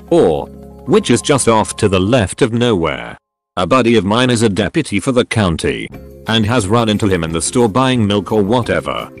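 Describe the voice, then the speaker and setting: Low-voiced man reading stories aloud. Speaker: narrator of forum posts. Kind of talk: scripted narration. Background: faint background music.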